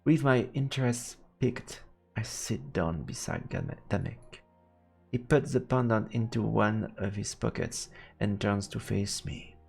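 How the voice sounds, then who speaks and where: A man with a lowish, darkish voice, creaky and breathy, reads a visual novel on a live let's play at a measured pace while sounding very animated. He plays with the narration and stammers out asides, with game music underneath.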